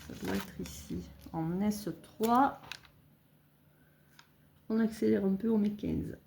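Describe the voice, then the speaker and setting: A middle-aged woman chatting casually as she fills budget envelopes, counting money aloud and thinking out loud with little hesitations. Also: mid-range voice, big pitch swings, slow, creaky, a little hiss or hum. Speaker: budgeting vlogger. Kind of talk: casual talk while filling cash envelopes.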